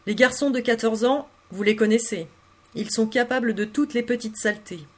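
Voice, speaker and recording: Female audiobook narrator, slightly high voice, intimate and expressive first-person literary reading. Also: moderate pace. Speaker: audiobook reader.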